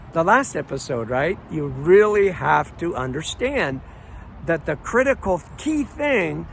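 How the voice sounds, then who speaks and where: A man coaches his listeners in an earnest, encouraging motivational talk. His voice sits fairly high and has a gravelly, fry-edged texture, and he often repeats words and stretches phrases for emphasis. Faint outdoor traffic noise runs behind him. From Croatia. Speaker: life coach. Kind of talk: motivational monologue.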